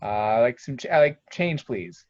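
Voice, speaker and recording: A man playing his character at a tabletop game, deadpan and oddly formal. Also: medium pitch, normal speed, no room sound, lo-fi sound. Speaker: player voicing Loki.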